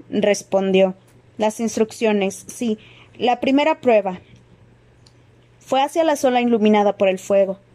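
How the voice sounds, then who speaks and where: A woman reads a novel aloud in steady, expressive narration. Her voice is warm and mellow, and her pitch is neither high nor low. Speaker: audiobook reader. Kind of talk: scripted narration.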